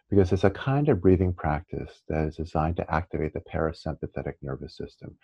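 A man guiding a meditation practice as a teacher, speaking informally with frequent pauses. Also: extremely low pitch, creaky, husky. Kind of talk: guided meditation instruction. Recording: muffled, band-limited audio.

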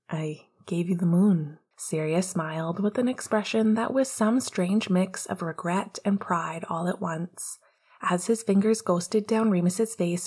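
A woman narrating a romance story in a soft, intimate way, often close to a whisper. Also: medium pitch, slightly rough. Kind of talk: audiobook narration of fiction.

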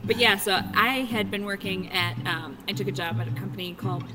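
A woman's voice: medium pitch, brisk. A woman co-hosting a podcast and chatting casually, bubbly, with frequent laughs and many ums. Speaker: podcast co-host, plastics engineer.

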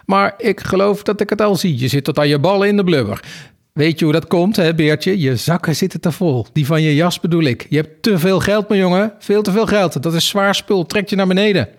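A man's voice: sits high, fairly quick, pitched above the performer's own voice. Man doing a blunt, teasing tall fellow. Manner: teasing, coarse. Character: blunt, mocking tall male adventurer. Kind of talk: reading a children's book aloud.

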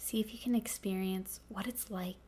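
A woman leading a guided meditation in a soft, breathy, calming near-whisper. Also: mid-range voice, normal speed. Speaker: meditation instructor.

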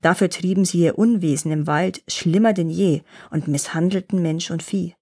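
A woman voicing a wise old grandfather gnome who tells old tales in a calm, measured way, reading a fairy tale aloud. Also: fairly low pitch. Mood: telling. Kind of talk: storybook reading.

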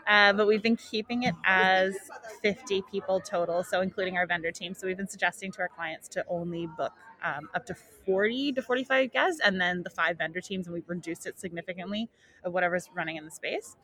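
A woman's voice: on the low side, a little fast, fairly bright tone, low-quality recording. A woman hosting a casual live podcast at a wedding show, talking informally through a face mask and often breaking off mid-thought. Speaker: podcast host and wedding planner. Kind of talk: casual live talk to listeners.

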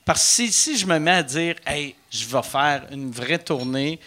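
A man's voice: a little high, measured pace. A man with a Quebec French accent hosting a live podcast, joking and talking over his guests. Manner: animated, joking, talks over others. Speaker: podcast host. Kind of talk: casual live podcast chat. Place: live show in a bar venue.

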